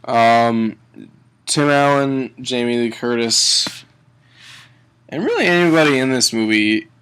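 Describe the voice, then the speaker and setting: A man giving a casual comedic movie review in a tipsy, halting ramble, swearing and often chuckling mid-sentence. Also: medium pitch, animated, fairly bright tone, slight background noise. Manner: tipsy, drunken rambling delivery. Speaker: film reviewer.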